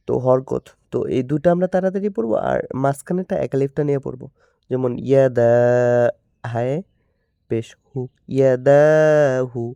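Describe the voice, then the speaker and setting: Man, Bangladeshi accent, Quran reading teacher, slow repetitive drilling, clear tone. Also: mid-range voice, mellow, dry recording. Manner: slow, drawn-out drilling with repeated syllables. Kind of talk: spelling out Arabic letters and vowel marks, then reading words slowly.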